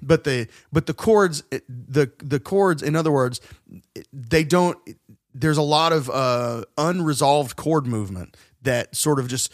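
A man's voice: on the high side, a little slow, no room sound, clean studio sound. A man co-hosting a podcast, talking through a song's music theory in a rambling way with many fillers and restarts. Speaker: podcast co-host. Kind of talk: casual music-analysis chat.

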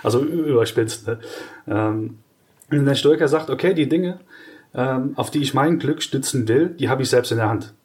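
Speaking at a normal pace, this man co-hosts a podcast discussion in a middle-pitched voice. He stumbles and restarts as he patiently explains, then livens up with exaggerated examples, keeping it conversational rather than read from a script.

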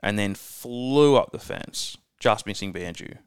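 A man's voice: on the low side, animated, a little slow, smooth, no room sound, studio quality. A man co-hosting a casual racing podcast, chatty and leading the talk. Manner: chatty, leads the conversation. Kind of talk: casual chat.

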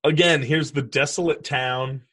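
Husky, joking man on a movie commentary. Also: medium pitch, steady tone, measured pace, pushed and bright. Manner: joking, laughs often. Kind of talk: casual movie watch-along chat.

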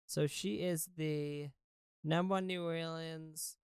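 Female podcast co-host, playful and conversational, creaky but clean tone, very dry sound. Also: deep voice, steady tone, slow, darkish tone, dry recording. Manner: playful, joking. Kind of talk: casual chat.

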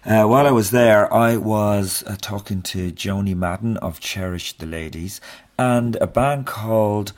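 A man's voice: on the low side, unhurried. A man with a west of Ireland accent, talking casually as an interviewer, rambling and repeating himself with some swearing. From Galway, west of Ireland. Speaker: podcast host and interviewer. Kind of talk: casual chat and spoken recap. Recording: busy crowd chatter behind. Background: crowd noise.

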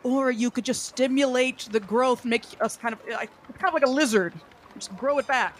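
A woman's voice: high voice, moderate pace, slight background noise. A woman chatting in character as a tabletop game player, hesitant and dryly argumentative. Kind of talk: casual in-character game chat.

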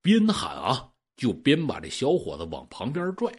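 A man narrating a folk ghost story in an animated storyteller's manner. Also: mid-range voice, moderate pace, breathy edge. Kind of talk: oral ghost-story telling.

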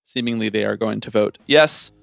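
A man's voice: lowish voice, normal speed, gravelly, fairly bright tone, dry recording, soft background music. Man, podcast co-host, casual banter, teasing, ranty, dry close mic.

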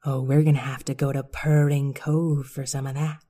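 A woman's voice: extremely low pitch, level tone, moderate pace, dark tone. A woman voicing a cheeky young girl schnauzer puppy who talks in a teasing, breezy, self-assured way. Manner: teasing, breezy and sure of herself.

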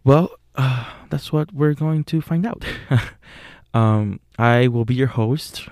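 A young Puerto Rican man, a native Spanish speaker with a Puerto Rican Spanish accent, hosts a solo podcast in an earnest way, using frequent fillers and self-corrections. His medium-pitched voice is slow and darkish. The recording has no echo and is studio quality.

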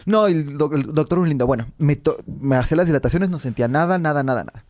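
Lively Mexican woman telling frank stories. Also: low-pitched, quick pace, no echo. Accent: Mexican Spanish. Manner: lively, laughs often, acts out her own past words. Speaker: podcast guest. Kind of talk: frank candid storytelling.

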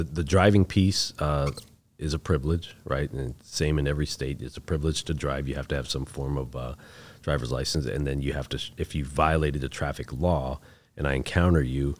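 A chief deputy sheriff talking in a casual podcast interview, plainspoken and laid-back, calling the host bro. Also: male voice, rumbling low. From United States.

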